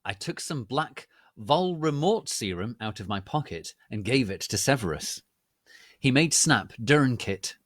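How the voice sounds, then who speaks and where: Hammy, slow, theatrical male narrator. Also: medium pitch, expressive, a bit bright, no room sound, studio quality. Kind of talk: dramatic reading of fan fiction.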